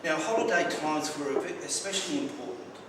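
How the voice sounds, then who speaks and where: With a voice on the high side and a fairly quick delivery, an Australian man gives a rehearsed personal speech at a club. His stories carry wry humour and some stumbling repeats, captured by a distant mic in a strongly echoing room over clear background noise.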